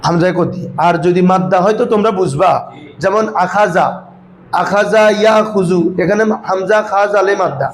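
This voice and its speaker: A man with a high voice teaches Arabic grammar to a class at a brisk pace, though the audio is poor. In this classroom lesson he quizzes his students often and calls them "baba."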